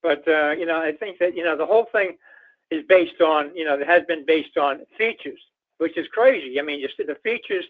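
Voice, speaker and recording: Over a tinny, narrowband phone line, a man calls a radio program to talk politics. He speaks fairly quickly in a voice on the high side, rambling folksily and leaning on lots of filler phrases.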